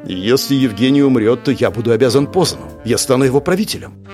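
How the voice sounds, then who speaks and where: A man's voice: mid-range voice, fast talker, darkish tone, soft background music, close to an everyday voice. A man voicing an earnest, anxious young prince who pleads and confesses. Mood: pleading.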